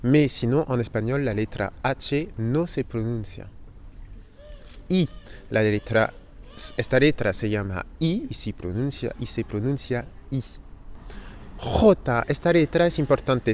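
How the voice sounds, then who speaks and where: A man's voice: mid-range voice, darkish tone, a little hiss or hum. Man teaching Spanish letters. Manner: explains slowly, spelling out sounds and repeating them. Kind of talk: language lesson.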